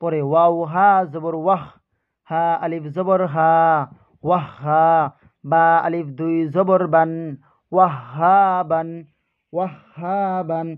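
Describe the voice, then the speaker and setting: A man teaching Quran reading, spelling out Arabic letters and syllables and repeating each word, in a drawn-out way. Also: a little high, little pitch movement. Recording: tinny phone-like sound.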